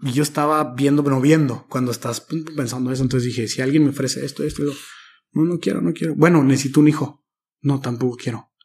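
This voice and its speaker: Speaking fast with a steady, medium-pitched voice that is slightly mellow and husky, this man from Mexico, in his thirties, gives a personal testimony in conversation. He reflects on his story as an interview guest, mixing in casual slang.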